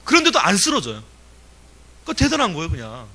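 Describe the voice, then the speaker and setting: A man preaching a sermon in a lively, emphatic way, asking the congregation questions and chuckling now and then. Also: high-pitched, quick pace. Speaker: pastor.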